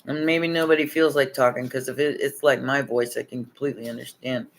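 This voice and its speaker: A man's voice: mid-range voice, steady tone, a little fast, creaky. A man giving a casual livestream tarot reading, laid-back and chuckling as he rambles, sounding tired with his voice nearly worn out. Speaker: tarot reader.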